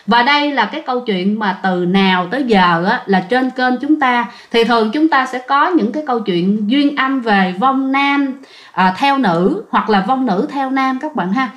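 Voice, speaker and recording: A woman's voice: on the high side, lively intonation, normal speed. A woman with a Southern Vietnamese accent telling a ghost story in a chatty, casual way, often addressing her listeners.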